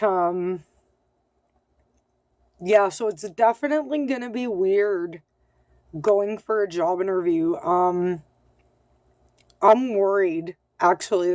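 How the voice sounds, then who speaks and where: A woman in her thirties talks to camera in a loose video-diary way, pausing often with ums and sounding candid and a bit self-conscious. Her voice sits a little low and carries a slight lisp. The sound is dry and close, with no room echo. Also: darkish tone. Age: 30s. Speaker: vlogger.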